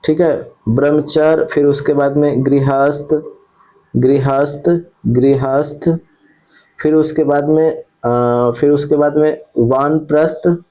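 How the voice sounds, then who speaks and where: A man's voice: on the high side, steady tone, takes it slowly, warm tone, rough recording. A man teaching an exam-prep lesson who repeats key terms and checks in with his students after each point.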